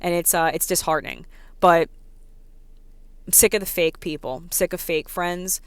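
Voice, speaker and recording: A woman's voice: lowish voice, steady tone, clear, resonant tone, dry recording. Chatty New York woman ranting. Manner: fast, filler-heavy talk with many "like"s and "you know"s. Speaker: vlogger. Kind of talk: casual rant to camera.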